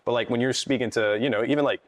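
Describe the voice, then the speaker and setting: A man's voice: medium pitch, steady tone, quick pace, no echo, studio quality. A man hosting a podcast, chatting casually and in a friendly way with his guest. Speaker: podcast host.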